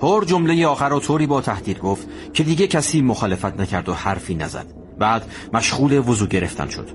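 A man narrating a historical story in a measured, conversational storytelling manner. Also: medium pitch, expressive, slight background noise.

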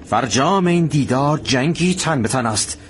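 A man's voice: medium pitch, animated, a little hiss or hum, pitched above the performer's own voice, natural voice. A man voicing a hot-headed young male soldier who speaks in a tense, heated way. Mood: impatient.

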